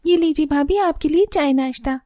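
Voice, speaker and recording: A woman's voice: high-pitched, moderate pace, dark tone, natural voice. Woman voicing a cheerful young sister-in-law. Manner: upbeat, coaxing.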